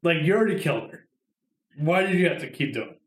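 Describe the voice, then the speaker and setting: A man hosting a podcast in casual, jokey chat, animated and swearing a lot. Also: fairly high pitch, fast. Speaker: podcast host. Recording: roomy echo.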